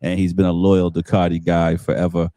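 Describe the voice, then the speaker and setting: A man hosting a casual motorcycle-racing panel chat, talking haltingly with lots of fillers and restarts. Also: sits low, monotone, dark tone, no echo. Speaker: podcast host.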